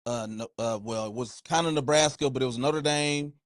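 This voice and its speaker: A man's voice: medium pitch, fairly quick, no echo, studio quality. A man, hosting a podcast in casual, playful banter. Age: 30s. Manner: animated, playful banter, slangy. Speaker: podcast host. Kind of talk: casual chat.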